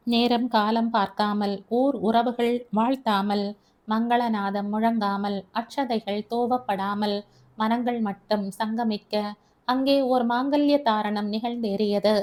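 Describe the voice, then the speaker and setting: Woman narrator, audiobook, lyrical flowing delivery, slightly high voice. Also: a little mellow. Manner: flowing, lyrical, measured storytelling. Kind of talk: scripted novel narration.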